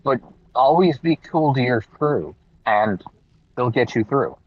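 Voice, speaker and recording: A slow-talking man sounding muffled, as if through a wall, his voice dull and lo-fi over voice chat from a car. He jokes around easily in relaxed banter. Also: medium pitch. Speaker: guest joining a game stream by voice chat. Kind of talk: casual chat. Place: inside a car.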